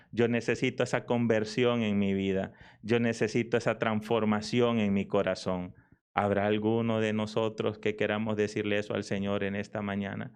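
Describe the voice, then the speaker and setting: A man preaching with a Honduran Spanish accent, his voice low and resonant. He drives each point home with slow, emphatic repetition and spells words out letter by letter. Soft music plays faintly underneath. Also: clear, resonant tone. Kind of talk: livestreamed Adventist sermon.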